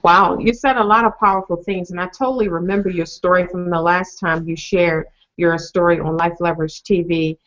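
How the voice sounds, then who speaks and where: Woman interview host with a lowish voice; searching, meandering questions, dull lo-fi recording. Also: fairly even intonation, a little fast, few pauses, a bit bright. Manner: searching, rambling phrasing with fillers. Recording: dull lo-fi sound.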